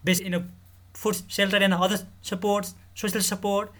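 A man from Nepal, a guest in a podcast interview who explains his work in an earnest, measured way. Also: high-pitched, level tone, fairly bright tone. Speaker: guest, mental health director.

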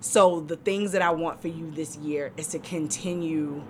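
A woman in her forties, a mother co-hosting a casual chat podcast with her daughter, teasing and unhurried. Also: sits low, steady tone, a little hiss or hum.

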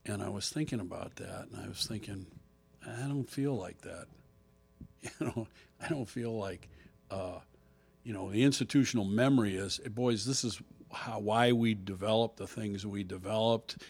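An older man, a golf business founder, telling a story in casual podcast chat, halting and full of fillers. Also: on the low side, gravelly, darkish tone, husky.

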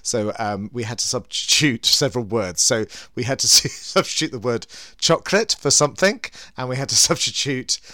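A man's voice: mid-range voice, normal speed, sharp tone, dry recording, clean studio sound. A man co-hosting a podcast in a chatty, bantering way, with a theatrical, campy manner. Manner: theatrical, campy, with endearments like darling. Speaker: podcast co-host.

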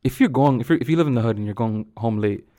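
Young Toronto podcast host, very quick talker. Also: male voice, mid-range voice, warm tone. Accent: Toronto urban slang accent. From Toronto, Canada. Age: young adult. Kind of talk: casual chat.

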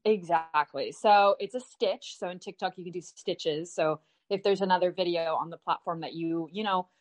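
A young woman, a guest who calls herself an online comedian, chatting casually in an interview, animated and full of fillers and self-repeats. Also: on the low side, moderate pace.

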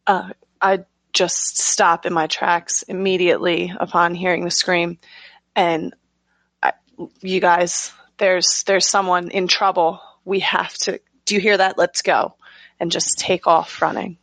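A woman's voice: fairly low pitch, level tone, a little slow, a bit bright, dry recording. A woman playing a tabletop game, playful and given to giggling.

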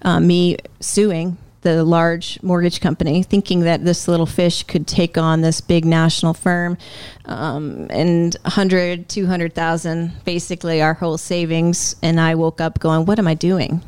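A woman with a fairly low, smooth, clear voice tells her life story as an interview guest. She talks candidly and conversationally, full of "um" and "like", and jumps up in pitch to act out what she was thinking. The sound is close and dry. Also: a little slow, no room sound. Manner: lively, acts out her own past thoughts in a higher voice; frequent "um" and "like", self-interrupting.

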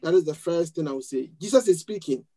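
A man's voice: a little high, lively intonation, quick pace, warm tone, poor audio. A man preaching a sermon to a congregation, leading a prayer and quoting scripture with rising, emphatic bursts. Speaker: pastor.

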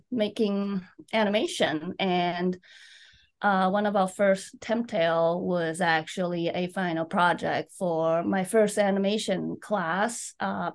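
A guest illustrator from Taiwan tells her story in an interview. Her voice is medium-pitched, and she speaks in an unhurried, thoughtful way.

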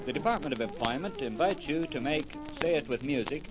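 A man's voice: fairly high pitch, expressive, a little fast. A man reading an earnest, official public service announcement, heard as an old broadcast transcription disc. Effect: old broadcast transcription disc sound. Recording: dull lo-fi old radio disc. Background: music playing.

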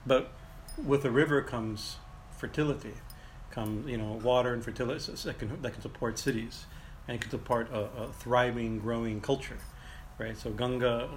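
A man teaching and telling ancient myths informally, in a halting way that circles back over phrases and often checks in with "right?". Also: mid-range voice. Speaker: teacher and storyteller. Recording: clearly noisy ambient background.

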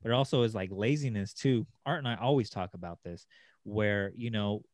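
Male podcast talker, lower pitch, dry sound, casual rambling storyteller who voices quoted dialogue. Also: fairly quick, a little mellow, no echo.

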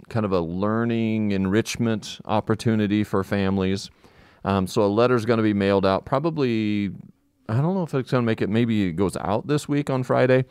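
A man's voice: on the low side, a little mellow, clean tone, dry recording, studio quality. A man speaking informally on a live school update, explaining things loosely, his voice slightly muffled by a face mask. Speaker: school administrator co-hosting a community update. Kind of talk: informal live podcast talk.

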